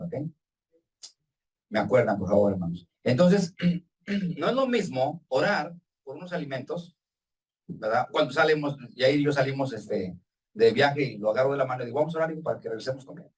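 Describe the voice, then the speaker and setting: A man preaching a sermon to his congregation as their pastor, with emphatic swings in pitch and loudness, calling them brothers. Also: lively intonation, normal speed, husky, far from the mic. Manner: addresses the congregation directly as brothers. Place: church hall with congregation and Zoom viewers.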